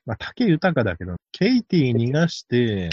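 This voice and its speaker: A man hosting a casual podcast chat, talking fast and laughing at his own jokes. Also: medium pitch, huge pitch swings, a little mellow, slight background noise. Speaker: podcast host. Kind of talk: casual chat about horse racing picks. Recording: dry, slightly dull lo-fi recording.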